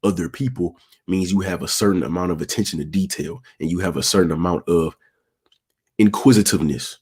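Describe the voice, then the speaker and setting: This young man hosts a channel giving dating advice, answering viewer questions in a casual, laid-back way. His voice is low, raspy and monotone, he speaks briskly, talks with his hands and keeps dropping in "you feel me."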